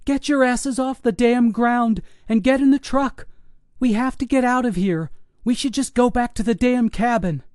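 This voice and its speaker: A man voicing a panicked woman who yells and curses as she drives an escape truck. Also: on the high side, moderate pace, no echo, clean studio sound, voice pushed up, natural voice. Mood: frantic. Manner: yelling, frantic and cursing.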